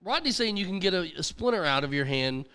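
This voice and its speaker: A man's voice: sits high, very animated, fairly quick, pushed and bright, smooth. A congested man co-hosting a live radio podcast, teasing his partner and reading out listener comments. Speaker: podcast co-host. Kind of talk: casual live radio banter.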